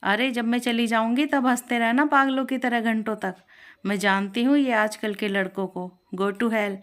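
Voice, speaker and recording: A woman's voice: fairly high pitch, normal speed, lightly acted. A woman voicing a vain, bossy older mother-in-law who talks in a snappy, scolding way. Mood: angry.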